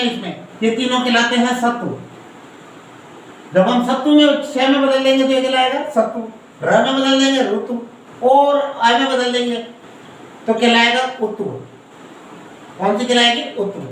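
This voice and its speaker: A man's voice: extremely high pitch, a bit bright. A male teacher giving a classroom grammar lesson, explaining step by step and quizzing his students. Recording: echoey room, distant mic, faint hiss.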